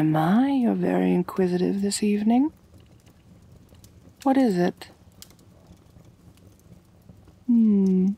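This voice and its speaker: A woman with a soft, breathy, lowish voice portrays an ancient and wealthy vampire mistress in intimate ASMR roleplay. Genteel and measured, she is doting yet gently dominant, and her mood is tender and adoring.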